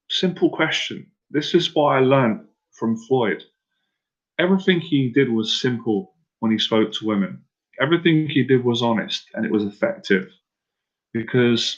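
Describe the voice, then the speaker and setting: On a live stream, a male dating confidence coach with a medium-pitched voice and dull audio advises viewers on talking to women. He speaks casually and directly, repeats himself, and asks people to answer in the chat.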